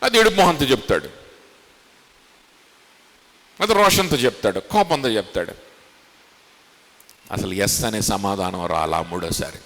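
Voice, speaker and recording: A man's voice: fairly low pitch, lively intonation, measured pace, pauses often, a bit bright, big-room sound. A man preaching a sermon as pastor, asking rhetorical questions and acting out the voices he quotes. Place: church hall.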